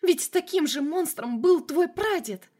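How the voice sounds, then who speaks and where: A woman voicing a frightened, hot-tempered young woman in a storybook reading, agitated and high-strung. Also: unhurried, darkish tone. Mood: hysterical.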